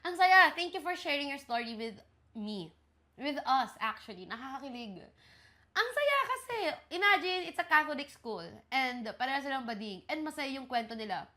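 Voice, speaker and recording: A young woman in her twenties from the Philippines hosting a podcast, reading listener love letters aloud and reacting in an animated, gushing way. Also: sits high, moderate pace. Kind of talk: casual chat.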